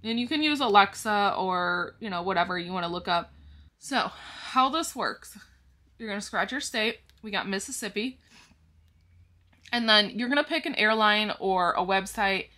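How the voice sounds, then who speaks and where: Woman talking viewers through her budget, counts cash out loud, bright clear voice. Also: medium pitch, animated, normal speed. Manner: explains step by step and counts money aloud. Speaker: budgeting vlogger. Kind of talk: casual talk-through to the viewers.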